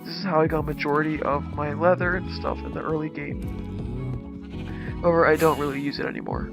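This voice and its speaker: A man speaking through a voice changer as he hosts a relaxed, easygoing tour of his game world. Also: on the high side, brisk. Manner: laid-back, easygoing, talks while touring his builds. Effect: voice changer disguising his voice. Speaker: gaming channel host. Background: background music.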